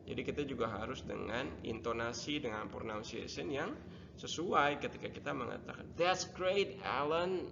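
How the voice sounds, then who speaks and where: A man with an Indonesian accent teaching an English lesson, explaining in Indonesian and acting out English phrases with lively emphasis. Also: mid-range voice, normal speed. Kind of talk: recorded classroom lesson. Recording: gravelly lo-fi recording with noise.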